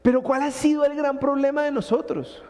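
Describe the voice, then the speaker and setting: A man in his thirties with a Colombian Spanish accent, preaching a sermon in a lively, colloquial storytelling manner. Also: very high voice, a little fast. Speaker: pastor. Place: church hall. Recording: hall reverb with soft instrumental music.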